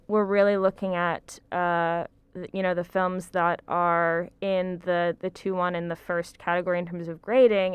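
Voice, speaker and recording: A woman's voice: lowish voice, clean tone, dry recording. A woman lecturer talking film on a podcast, thoughtful and hedging, with frequent ums and likes. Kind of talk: casual podcast discussion.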